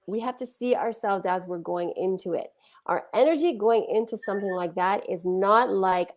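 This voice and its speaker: Gravelly-voiced woman speaking animatedly. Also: on the low side. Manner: animated, acts out quoted feelings. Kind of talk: conversational talk on healing.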